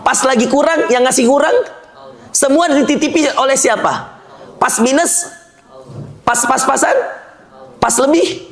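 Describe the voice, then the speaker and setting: A man's voice: extremely high pitch, a little slow, long pauses, a bit bright. A male preacher giving a sermon to a live audience, joking with the listeners, teasing them and quizzing them with questions.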